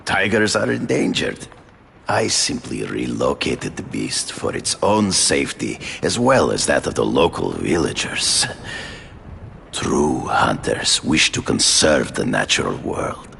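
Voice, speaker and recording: Kraven, hammy bass-voiced gravelly hunter. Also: male voice, big pitch swings, measured pace, fairly bright tone, a little hiss or hum, heavily acted. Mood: proud, solemn. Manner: hammy, grandiose stage-actor delivery. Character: proud, theatrical male big-game hunter turned vigilante. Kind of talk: video game voice acting.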